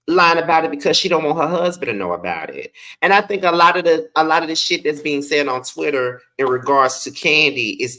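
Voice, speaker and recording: A man's voice: on the high side, sharp tone. A man with a lisp and slushy s sounds, giving sassy, slangy, chatty live commentary as a review host. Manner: sassy, slangy, emphatic with swearing.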